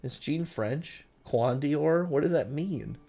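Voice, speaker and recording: Speaking slowly in a dark, somewhat high voice, a livestream host chats casually with his viewers and reads their comments. He rambles, hops from one aside to the next, and says the same things more than once.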